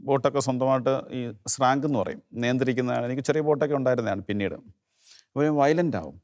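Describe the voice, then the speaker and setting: A middle-aged man from Kerala telling his personal testimony in an interview, earnest and halting, his voice sinking low and soft when he is moved. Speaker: interview guest giving testimony.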